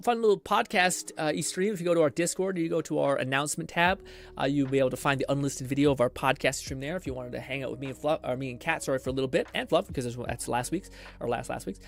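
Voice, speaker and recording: On a live stream, a man rambles casually while giving tutorial advice, explaining things with self-deprecating swearing. His voice is fairly high and gravelly, and he talks at a quick pace.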